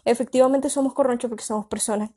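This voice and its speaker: A young woman with a Colombian Caribbean coastal accent, chatting casually and explaining things in a lively, colloquial way. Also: a little high, fast talker. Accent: Colombian Caribbean (costeño). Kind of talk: casual chat.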